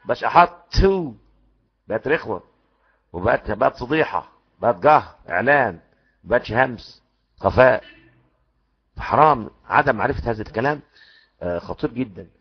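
An Egyptian man teaches Quran recitation and drills each sound aloud for his class. His voice is gravelly, and the recording sounds dull and muffled. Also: medium pitch, moderate pace, long pauses. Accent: Egyptian Arabic. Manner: animated, demonstrates sounds repeatedly, asks the class questions. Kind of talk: lecture on tajweed rules.

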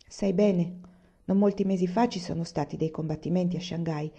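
A cautious young husband who speaks in a low, quiet, measured way, with a husky, gravelly grain, as a woman reading a story puts him on. The recording is dull and lo-fi. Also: fairly even intonation.

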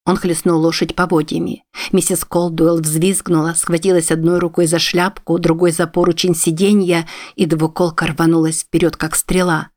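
A woman narrating a novel aloud in a steady, measured storytelling manner. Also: lowish voice. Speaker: audiobook narrator.

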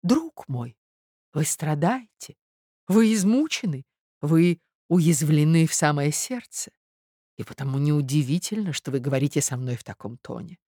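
Woman putting on a soft-voiced scheming lady. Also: sits low, lively intonation, a little slow, no echo, clean studio sound. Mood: softly sly. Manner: painfully soft, hushed and reproachful. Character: scheming society lady, sorrowfully soft and sly.

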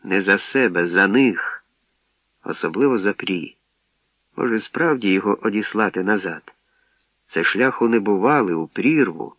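A man narrating an audiobook in a calm, measured storytelling manner, on a dull lo-fi radio recording. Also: fairly low pitch, no room sound.

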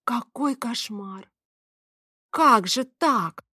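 A woman reading the part of a hot-tempered young woman who shouts and scolds sharply in an audiobook. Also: a little high, animated, slow, slightly rough, no echo, studio quality, pitched above the performer's own voice, exaggerated voice. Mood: dismayed. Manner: loud scolding, sharp and exasperated. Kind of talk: audiobook character voice.

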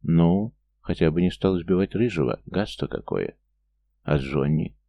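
A man reading a story aloud as audiobook narrator, steady and measured. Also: low voice, creaky, muffled recording. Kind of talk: scripted narration.

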